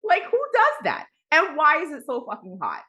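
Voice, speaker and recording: A woman's voice: high-pitched, wildly swooping pitch, moderate pace, bright, forceful tone. A woman co-hosting a casual book review podcast, frank and profane, with many fillers. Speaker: podcast co-host.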